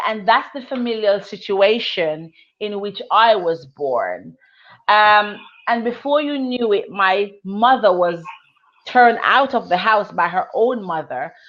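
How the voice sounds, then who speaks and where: A woman's voice: medium pitch, a bit bright, muffled recording. A woman from Jamaica in her thirties, a guest in an interview, telling her life story earnestly and with emphasis, often repeating phrases for effect. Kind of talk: personal testimony in an interview.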